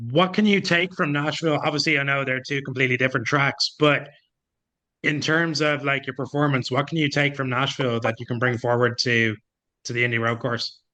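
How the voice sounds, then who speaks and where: Casual male reporter, bright voice, friendly question. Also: medium pitch, steady tone, a little fast, low-quality recording. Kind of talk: press conference question. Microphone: video call.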